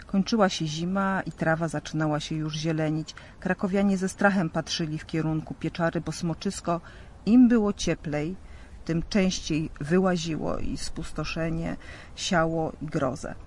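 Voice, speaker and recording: A man narrating a legend as a lively, expressive storybook reading. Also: on the high side.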